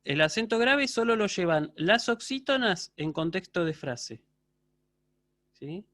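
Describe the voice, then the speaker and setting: A man's voice: high voice, big pitch swings, measured pace, bright, forceful tone, dry recording. A man teaching a university Greek class over a video call, patiently checking in with his students. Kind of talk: online lecture.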